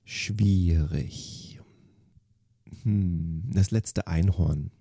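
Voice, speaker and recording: A man's voice: low voice, extremely slow, mellow, dry recording, clean studio sound. A man, a dance teacher from Germany, giving short, matter-of-fact answers in an interview. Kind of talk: quick-fire interview answers.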